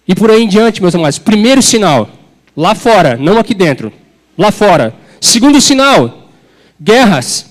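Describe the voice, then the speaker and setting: High-voiced man preaching a fervent sermon. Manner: emotional, direct, many asides to the congregation. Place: church service.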